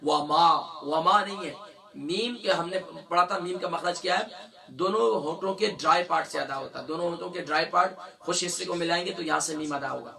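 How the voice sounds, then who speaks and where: A man's voice: high voice, creaky, pushed and bright, far from the mic. A man teaching Quran recitation in a tajweed lesson. He asks the class questions, answers them himself, and stretches out letter sounds to demonstrate them.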